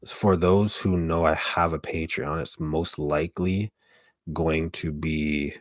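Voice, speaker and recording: A man with a deep, gravelly voice chats casually on a livestream in a halting way, often interrupting himself, close to the microphone. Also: fairly even intonation, no room sound. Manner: halting, self-interrupting, mild swearing. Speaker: ASMR streamer hosting a live stream. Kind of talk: casual rambling livestream chat.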